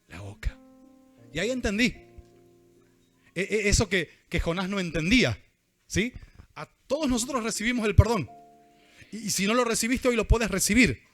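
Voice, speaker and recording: A man preaching a sermon with an Argentine accent, animated, often calling questions out to the congregation. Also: sits high. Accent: Argentine Rioplatense Spanish.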